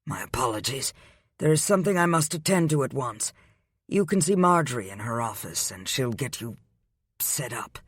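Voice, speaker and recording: A man voicing a wealthy male hotel boss who speaks calmly and coolly and turns curt when annoyed. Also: medium pitch, normal speed, breathy edge, no echo, clean studio sound.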